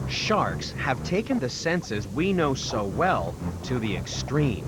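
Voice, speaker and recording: Animated man narrating a wildlife documentary. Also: medium pitch, takes it slowly. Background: music.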